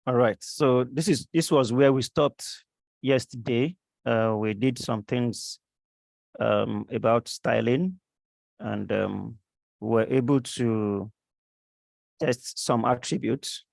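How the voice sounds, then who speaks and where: Male online instructor, sore throat, slow delivery full of fillers, gravelly voice. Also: medium pitch, steady tone, darkish tone, no room sound. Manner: slow, halting, many fillers. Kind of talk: live online class lecture. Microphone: computer mic on a video call.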